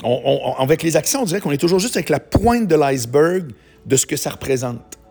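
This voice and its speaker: Gravelly-voiced Québécois man, chatty. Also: a little high, lively intonation, brisk, warm tone, soft background music. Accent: Québécois French. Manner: chatty, with many fillers and asides. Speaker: comedian. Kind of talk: casual conversational monologue.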